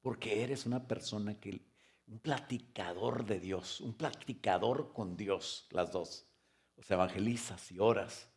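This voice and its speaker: A man preaching a sermon as pastor, firing rhetorical questions and joking asides, now loud and emphatic, now quiet. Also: fairly low pitch, unhurried. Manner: swings between loud emphatic stress and soft quiet stretches.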